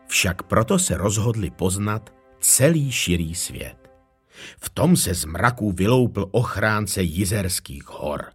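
A man reading a children's fairy tale aloud in an expressive, animated way. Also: fairly low pitch, husky. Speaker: narrator.

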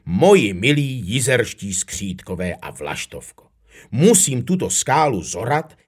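A man reading a children's storybook, voicing a grumpy but good-hearted male devil who talks gruffly and slowly. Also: medium pitch, sing-song. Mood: friendly.

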